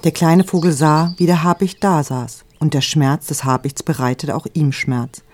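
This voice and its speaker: A reader telling a storybook aloud in a calm, gentle way. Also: mid-range voice, moderate pace. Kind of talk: storybook reading.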